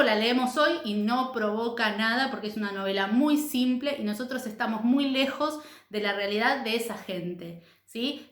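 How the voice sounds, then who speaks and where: A woman's voice: fairly high pitch, fairly bright tone. Argentine woman teacher in echoey room. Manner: explanatory, checks in with frequent "¿sí?". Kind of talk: recorded class lecture.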